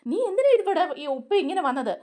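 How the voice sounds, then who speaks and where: A woman's voice: very high voice, big pitch swings, a little fast, mellow, pitched above the performer's own voice. A woman voicing a worried older sister. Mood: questioning. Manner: anxious, questioning.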